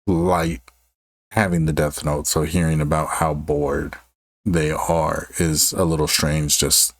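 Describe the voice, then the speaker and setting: Man, very low voice, dry close sound, casual music reaction host, drawn-out emphasis. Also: little pitch movement, no room sound.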